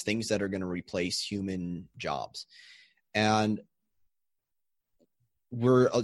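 A man's voice: low voice, dry recording, clean studio sound. A man talking as a guest in an interview, explaining his ideas with enthusiasm and a few restarts. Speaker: audiobook coach and guest. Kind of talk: conversational interview.

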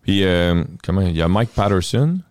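A man's voice: low voice, expressive, normal speed, a little mellow. A man with a Quebec French accent, a comedian guest on a casual podcast, telling stories animatedly and swearing casually.

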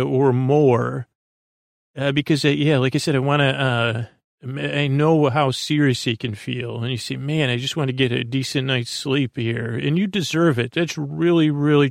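The host of a bedtime sleep podcast, a man with a medium-pitched, gravelly, creaky voice, delivers a rambling, soothing monologue. He meanders haltingly and often trails off mid-thought. It is recorded dry and close on a podcast microphone, with studio quality and no room sound.

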